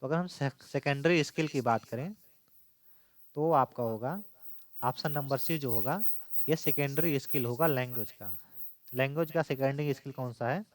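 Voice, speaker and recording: Man, exam-prep teacher, mid-pitched voice, patient step-by-step explaining. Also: normal speed. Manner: explains step by step, repeating key points.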